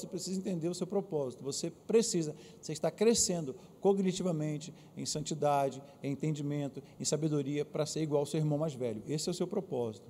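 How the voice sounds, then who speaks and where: A man with a Brazilian Portuguese accent preaching a lively sermon as pastor, calling on the congregation to answer aloud. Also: on the high side. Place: church auditorium. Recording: long reverb of a church hall.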